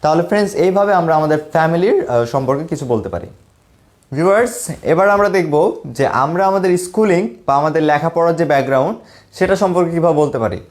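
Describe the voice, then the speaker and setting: Guy teaching english, slightly high voice, reads example lines slow and says them twice. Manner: explains in Bengali, reads English examples slowly and repeats them. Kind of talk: spoken English lesson.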